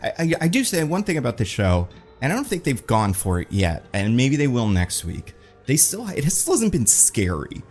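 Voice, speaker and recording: A man giving a casual, chatty review of a TV episode, animated and full of "like" fillers. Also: medium pitch, moderate pace, faint music behind.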